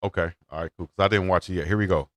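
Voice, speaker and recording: A man hosting a live sports stream in a relaxed, casual way, laughing easily and thanking viewers. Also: sits low, very fast, noisy background. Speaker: show host.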